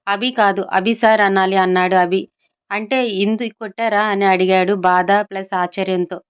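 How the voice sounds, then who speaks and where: A woman reads out a love story as its storyteller, speaking every character's lines in her own everyday voice. Her voice is smooth and clear, at a middle pitch. The recording sounds slightly dull and lo-fi. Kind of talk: scripted story narration.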